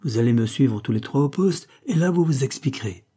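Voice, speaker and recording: A weary, practical male police sergeant speaking in plain official terms. His voice is dark and a little husky, done by a man reading a storybook. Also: medium pitch, lively intonation, brisk. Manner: matter-of-fact, official.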